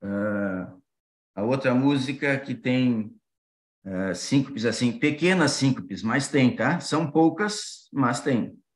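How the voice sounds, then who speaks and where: A man teaching music in a patient explanatory way, often pausing with fillers and checking that listeners follow. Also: medium pitch. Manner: sings short melody syllables to demonstrate. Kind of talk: online class explanation. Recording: roomy echo.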